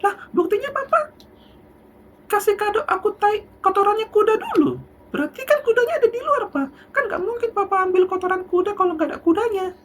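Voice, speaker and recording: A tiny child bursting with glee, squealing its cheers over and over in a piercingly high voice. The pitch bounces wildly and the words tumble out fast and breathless. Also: animated, a bit bright. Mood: overjoyed. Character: small gleeful child begging for a pony.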